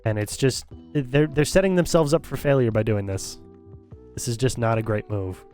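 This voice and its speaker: A man's voice: medium pitch, normal speed, a little mellow, faint music behind. A man streaming, giving an opinionated, critical rant in casual commentary, often repeating and restarting phrases as he thinks it through.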